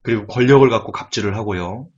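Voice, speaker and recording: A man's voice: on the low side, fast talker, a little mellow, breathy edge, dull audio. A male preacher giving an emphatic sermon full of rhetorical questions.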